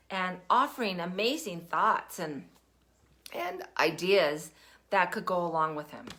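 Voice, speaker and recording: Warm and chatty, an older woman rambles through a relaxed livestream for viewers, leaning on fillers as she goes. Her medium-pitched voice is still rough from a lingering cough, and there's a cough drop in her mouth while she hosts.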